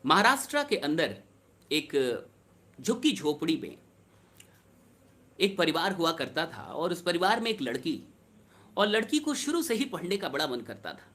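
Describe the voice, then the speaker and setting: A man's voice: sits high, fairly bright tone. A man telling a true-life story with emotion, repeating phrases for emphasis and speaking directly to his listeners. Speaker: motivational storyteller. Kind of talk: emotional storytelling to an online audience.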